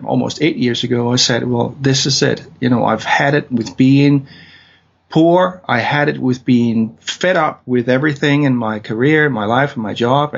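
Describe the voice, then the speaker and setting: A creaky, mid-range voice belongs to a man from Denmark who speaks with a Danish accent, sharing his story as an interview guest with lots of hesitation, fillers and false starts. Dull lo-fi sound.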